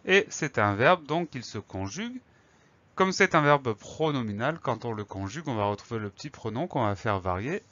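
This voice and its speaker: A man teaching a spelling lesson, calmly explaining words and spelling them letter by letter. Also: mid-range voice, moderate pace, dull audio.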